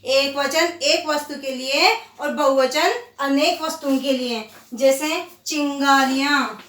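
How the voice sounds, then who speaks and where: A woman teacher with a high voice gives a grammar lesson to young pupils. She speaks slowly, drawing out each example word and putting questions she answers herself. She sounds set back from the mic in a room with a clear echo. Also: a bit bright, far from the mic. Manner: slow, drawn-out repetition of example words. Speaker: school teacher. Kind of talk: Hindi grammar lesson for children.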